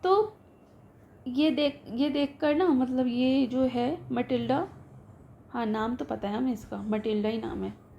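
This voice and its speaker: A young woman teacher with an Indian English accent, reading a story aloud slowly and then explaining each line conversationally. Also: fairly high pitch, gravelly, mellow, highs cut off, slight background noise. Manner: switches between reading English text slowly and explaining in Hindi.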